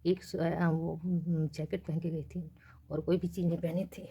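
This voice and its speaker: Young woman, from India, late-night vlog chat, soft and hushed, mellow dark voice, a bit husky, fairly low pitch. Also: little pitch movement, moderate pace. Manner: talks softly so as not to wake neighbours. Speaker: vlogger. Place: small rented room in a girls' hostel, at night.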